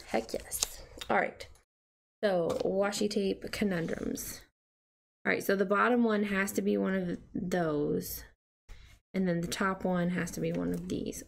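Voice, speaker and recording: A woman's voice: medium pitch, gravelly, darkish tone, a little hiss or hum. A young adult woman chatting casually and rambling with many fillers while she decorates her planner. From United States. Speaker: planner vlogger. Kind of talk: casual plan-with-me chat.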